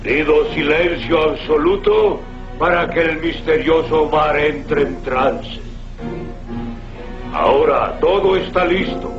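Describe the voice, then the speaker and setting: A man's voice: on the high side, reverberant. A man voicing a sinister stage mystic in a dubbed cartoon, solemn and commanding like a seance medium ordering his entranced slave. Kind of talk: dubbed superhero cartoon acting. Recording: dull lo-fi cartoon soundtrack with music.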